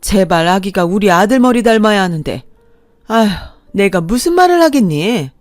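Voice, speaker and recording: A woman's voice: mid-range voice, big pitch swings, normal speed, no echo, clean studio sound, lightly acted. A woman voicing a scornful, bossy older mother-in-law who talks down in curt, scolding phrases.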